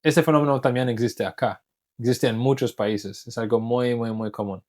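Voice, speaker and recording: A man's voice: medium pitch, fairly even intonation, normal speed, a little mellow. A man whose first language is English, an English teacher talking casually in Spanish, thoughtful, often restarting words as he searches for them. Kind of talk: casual talk to camera.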